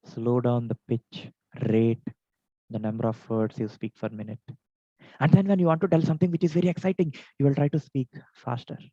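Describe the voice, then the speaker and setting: A man's voice: mid-range voice, mellow, dry recording, lo-fi sound. A man with an Indian English accent teaching public speaking on a video call, his throat dry from being unwell, listing points in an instructive way. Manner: instructive, list-like, varies pace for examples. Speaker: speech contest trainer. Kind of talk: online educational talk. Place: home, online meeting.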